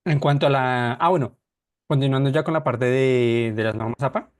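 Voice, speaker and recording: A man's voice: medium pitch, moderate pace. A man teaching an online class, explaining step by step with many restarts and self-corrections.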